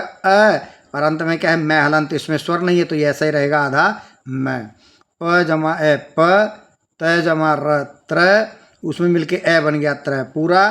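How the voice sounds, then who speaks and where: A man's voice: on the high side, fairly bright tone. A man teaching a children's language lesson, patiently breaking words into sounds and spelling them out step by step.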